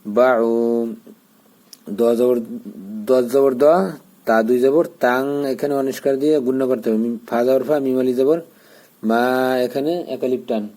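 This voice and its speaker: A man's voice: mid-range voice, fairly even intonation, mellow. A man teaching Quran recitation, patiently spelling out each letter and vowel mark and giving pronunciation pointers. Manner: patient, repeats syllables slowly, gives pronunciation pointers.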